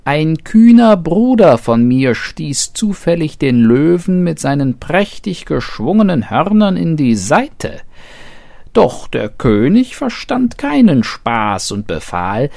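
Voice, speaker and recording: A man's voice: on the high side, sing-song, slow, creaky, a little mellow, no room sound, voice pushed up, full character voice. A man voicing a mischievous, prank-loving female goat in a storybook reading, bleating with gleeful urgency. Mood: teasing.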